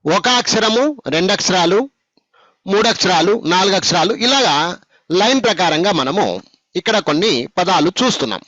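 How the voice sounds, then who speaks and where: A man's voice: high-pitched, lively intonation, fairly quick, a bit bright, no room sound. A man teaching spelling, patient and repetitive, drilling letters and speaking straight to his students. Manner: patient, repeats and drills, addresses students directly. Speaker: spoken English teacher. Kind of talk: classroom lesson, spelling out letters. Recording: dull, dry lo-fi recording.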